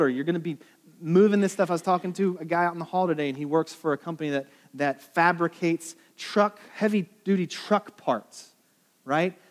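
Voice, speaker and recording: A man preaching in a loose, chatty way, joking with his listeners and checking in with "right?" as he goes. His voice sits a little higher than most men's, and he speaks from a church hall. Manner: conversational and joking, often asking "right?". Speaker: pastor. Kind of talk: sermon.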